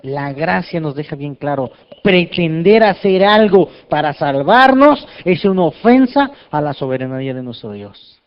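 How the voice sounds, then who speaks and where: A man preaching as a pastor, lively and joking as he asks the congregation questions. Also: fairly high pitch, measured pace, clear, resonant tone. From Mexico. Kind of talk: sermon. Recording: dull lo-fi sound.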